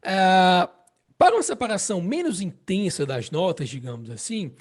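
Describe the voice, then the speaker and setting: A sing-song, high-pitched male voice leads a casual harmonica lesson with a Brazilian Portuguese accent. The teacher explains patiently and slowly, repeating phrases and frequently checking in by saying "né?" and "entende?".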